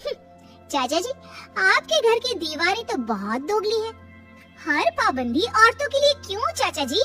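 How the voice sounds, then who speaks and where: Woman playing a sharp high-voiced young bride in a cartoon story, talks back to everyone. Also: normal speed, over music. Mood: defiant. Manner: sharp, protesting, questioning. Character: defiant educated young daughter-in-law.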